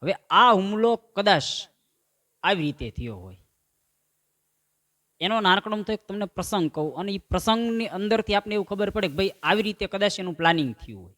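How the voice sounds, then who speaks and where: A man tells folk comedy tales and slips into the voices of his characters. His voice sits high and carries a bright, forceful edge. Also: moderate pace. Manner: animated joke-telling, acts out quoted voices. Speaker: stand-up comedian. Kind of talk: Gujarati folk comedy storytelling.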